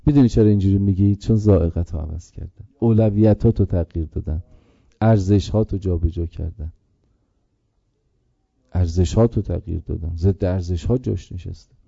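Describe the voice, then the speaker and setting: Low gravelly guy preaching, dark voice, goes from fired up to slow chanting lament, muffled lo-fi sound. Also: no room sound. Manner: impassioned, slows to a chanting lament. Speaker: preacher reciting a mourning elegy. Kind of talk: religious sermon and mourning recitation. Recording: dull lo-fi recording.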